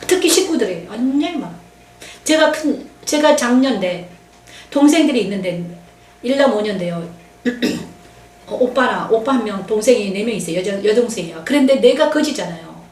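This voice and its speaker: A woman's voice: fairly high pitch, expressive, normal speed, darkish tone, distant mic. A middle-aged woman pastor giving an emotional, confiding testimony sermon and acting out what others said. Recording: echoey room, voice from off-mic.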